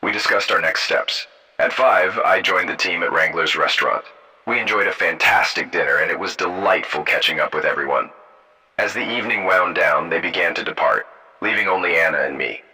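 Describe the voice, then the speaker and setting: A man narrating a first-person story in a steady, measured way. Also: deep voice, poor audio.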